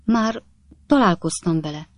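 A man's voice: high voice, animated, dry recording. A man voicing a flustered middle-aged lady in an audiobook, hesitant and evasive. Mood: distressed. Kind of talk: audiobook character voice.

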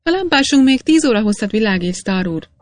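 A woman's voice: on the high side, sing-song, dry recording. A woman reading aloud, voicing a polite, respectful young man in a storybook. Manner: polite, questioning.

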